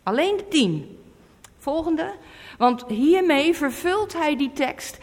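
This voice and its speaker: A woman's voice: high voice, animated, takes it slowly, a little mellow. Emphatic woman preaching in echoey hall. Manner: emphatic, repeats warnings. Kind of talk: sermon.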